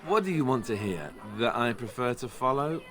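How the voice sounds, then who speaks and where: A man's voice: mid-range voice, animated, moderate pace, crowd noise, lightly acted. An actor playing a defensive, sardonic young male warrior with a dry, sarcastic delivery in video game dialogue.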